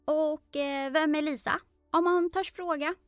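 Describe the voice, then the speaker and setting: A woman's voice: sits high, steady tone, dry recording, faint music behind, voice pushed up, close to an everyday voice. A woman voicing a timid, curious parrot in a storybook, speaking hesitantly.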